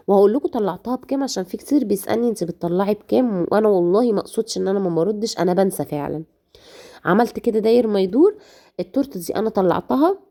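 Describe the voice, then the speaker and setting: A woman with an Egyptian Arabic accent, hoarse and nursing a cough, chatting directly to her viewers through a cake decorating tutorial. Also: mid-range voice, mellow. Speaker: home baker.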